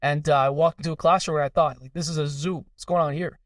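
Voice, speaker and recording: Man from Iran, young adult, podcast guest; quick earnest storyteller, a touch high, dry slightly distant mic. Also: steady tone, dry recording. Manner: fast, earnest storytelling with many fillers. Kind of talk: casual interview conversation.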